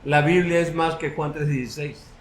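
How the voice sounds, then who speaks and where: A man preaches in a fairly high voice. He is earnest and direct, and his sermon moves into a closing prayer. The church room echoes, with a faint hum of ambience behind him. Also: steady tone, moderate pace. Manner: earnest preaching, quoting imagined listeners. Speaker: pastor. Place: church hall.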